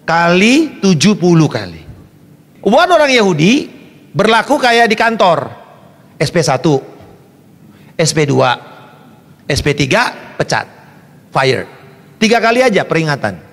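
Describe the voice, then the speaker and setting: A man preaching a sermon as pastor, animated, slipping in English phrases and acting out quotes. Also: high-pitched, in a large hall.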